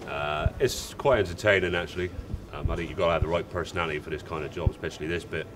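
A man's voice: low voice, fast. A young man who works as a bingo caller, giving casual interview answers. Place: bingo hall, indoors. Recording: distant mic, noisy room ambience.

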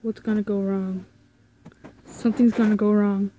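A woman's voice: medium pitch, little pitch movement, normal speed, dark tone, dull audio, slight background noise. A woman playing a horror game and commenting, hesitant and thinking aloud as she goes. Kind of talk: let's play commentary.

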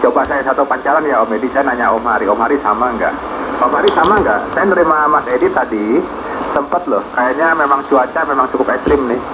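A man comes through a ham radio receiver, chatting in a relaxed radio contact. His voice sits at a middle pitch and is buried in clear hiss and static, and he closes each turn with a sign-off word. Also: brisk. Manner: ends turns with a sign-off word. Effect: heard over a ham radio receiver. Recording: noisy, staticky radio transmission.

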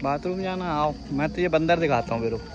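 Chatty young male vlogger, slightly high voice. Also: fairly quick, highs cut off, crowd noise. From India. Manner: chatty, teasing his friend, joking. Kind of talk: casual vlog chat. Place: outdoors at a hillside restaurant and park. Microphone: handheld phone. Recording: outdoor phone audio with clear background noise.

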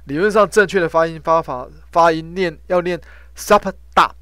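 A middle-aged man giving an informal lecture on Sanskrit pronunciation, repeating himself and ending phrases with a drawn-out "ha". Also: fairly high pitch, a bit bright, smooth, no room sound. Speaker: professor teaching Sanskrit pronunciation.

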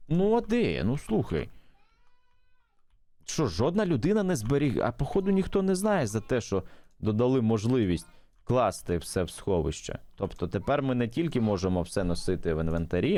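A man's voice: on the low side, mellow, no echo. A man chatting casually to viewers while playing a mobile game, thinking aloud and reacting as he goes. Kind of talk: casual gameplay commentary to viewers.

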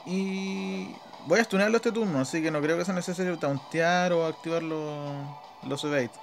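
A gaming video host with a Chilean Spanish accent gives casual, slangy live gameplay commentary, partly talking to himself, while video game music plays behind him. His voice is slightly high and creaky, at a normal speed.

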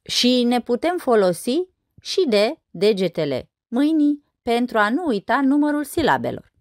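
A woman's voice: a little high, sing-song, no echo. Dry-voiced woman teaching a lesson. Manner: slow syllable-by-syllable counting of verse. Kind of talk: scripted school lesson narration.

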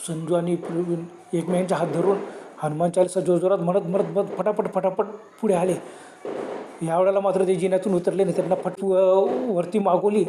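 A man's voice: sits high, fairly even intonation, fairly quick, background noise. A man with a Marathi accent, telling a horror story in an emphatic, dramatic way, breaking off with fearful gasps. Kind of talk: spoken horror story narration.

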